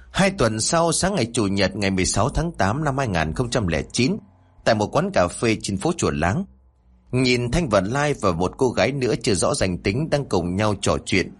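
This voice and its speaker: Husky-voiced male horror storyteller. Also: fairly low pitch.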